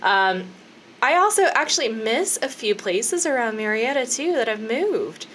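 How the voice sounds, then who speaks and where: A woman's voice: fairly high pitch, expressive, measured pace, fairly bright tone, slight background noise. A woman in her thirties co-hosting a podcast in casual chat, chatty with frequent laughs and fillers. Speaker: podcast co-host.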